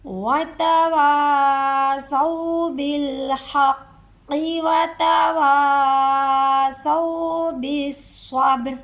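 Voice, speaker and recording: A woman teaches recitation in a slow, patient lesson. Her voice is fairly high with a gravelly edge, and she stretches out each verse she chants. Her explanations are unhurried and careful. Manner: explains slowly, then chants verses drawn out.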